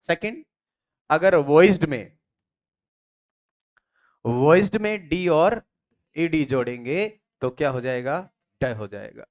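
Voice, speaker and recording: Indian guy teaching pronunciation, clear resonant voice, keeps asking then answering himself. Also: medium pitch, darkish tone. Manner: asks students questions and answers them himself; repeats key phrases in a drilling way. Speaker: English teacher. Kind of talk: classroom lecture on pronunciation.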